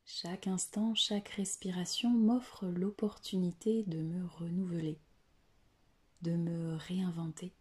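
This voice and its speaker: This yoga nidra guide is a woman with a lowish voice and a steady tone, soft and breathy and often almost whispering. She speaks soothingly and deliberately, with long pauses between phrases.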